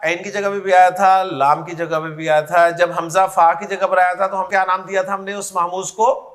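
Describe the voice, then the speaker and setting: A man's voice: sits high, a bit bright. A man teaching a grammar class, who repeats key terms and quizzes his students by name.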